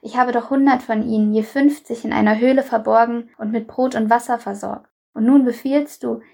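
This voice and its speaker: A woman's voice: fairly high pitch, fairly even intonation, brisk, vocal fry, darkish tone. A woman voicing a frightened male palace steward who pleads for his life, read aloud in a Bible reading. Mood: pleading.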